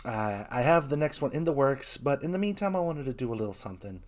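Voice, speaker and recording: A man talking openly in a casual vlog, his voice rough from being sick, earnest and halting, often restarting his sentences. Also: medium pitch, lively intonation. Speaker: VTuber.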